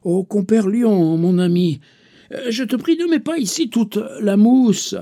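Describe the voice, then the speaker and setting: A man's voice: high-pitched, measured pace, warm tone. A man voicing a disgusted male fox who pleads and complains. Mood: pleading.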